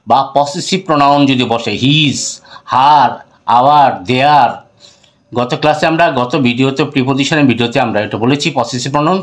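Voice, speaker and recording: Bangladeshi teacher quizzing his viewers. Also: mid-range voice. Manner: asks the class questions and answers them himself; mixes English phrases into his talk. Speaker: English teacher. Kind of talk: grammar lesson.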